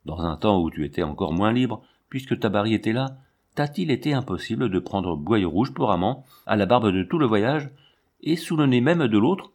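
A man's voice: fairly low pitch, animated, moderate pace, a little mellow. A man reading an audiobook, playing a passionate, brutal young lion tamer who speaks urgently and pleads. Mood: heated.

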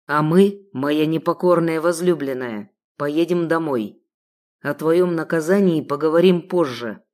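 A woman's voice: deep voice, unhurried. A woman voicing a furious growling sheikh. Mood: menacing. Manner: growling, menacing, loud. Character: furious jealous male sheikh, possessive.

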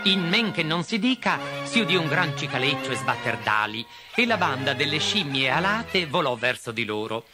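A man narrating a fairy tale in an expressive storybook style. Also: a little high, normal speed, few pauses, over music. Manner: expressive, switching to character voices.

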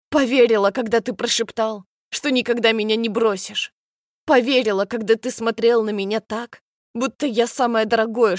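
A woman's voice: fairly high pitch, dry recording, studio quality, lightly acted. A woman playing a betrayed young woman crying out. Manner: shouting through tears, voice breaking. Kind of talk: audiobook character voice.

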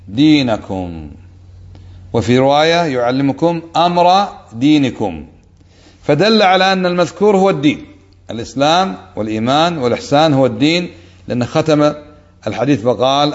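A man teaching a religious lesson, explaining texts and slipping in light humorous anecdotes. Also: mid-range voice. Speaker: sheikh teaching a hadith book. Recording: dull lo-fi lecture recording.

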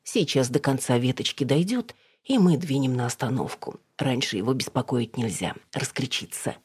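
A reader voicing an elderly grandmother, worn-down and gentle, who speaks quietly and plaintively. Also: medium pitch, lively intonation, moderate pace, husky, dry recording. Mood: sad, confiding.

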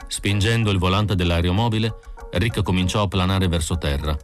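A man narrating an audiobook in a measured, steady reading. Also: low voice, soft background music. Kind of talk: scripted narration.

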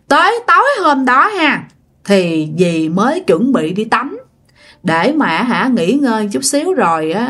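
With a fairly high, somewhat bright voice, a woman spins a casual ghost story. Her manner is chatty, and she talks right to the people listening.

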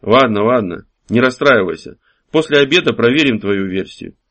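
A man voicing a shrewd, good-humoured ancient hero investigating a crime in an audiobook, giving brisk orders. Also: mid-range voice, animated, a bit bright. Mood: commanding.

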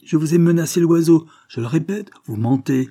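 A man's voice: on the low side, animated, moderate pace, mellow, breathy edge, dry recording, studio quality. A man voicing a stern, contemptuous old colonel who accuses and threatens in a raised, harsh voice. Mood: angry.

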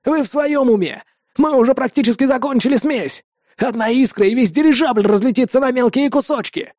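A man voicing a frightened male engineer who pleads and babbles in a raised, rushed voice. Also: warm tone, no echo, clean studio sound. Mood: pleading. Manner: high, rushed and begging.

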